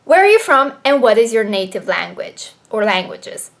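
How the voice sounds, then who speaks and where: Speaking with a Slovenian accent, this young booktuber from Slovenia rambles casually to camera, her talk full of fillers. Her fairly high voice has a sing-song lilt at a normal speed, recorded on a camera propped on her desk.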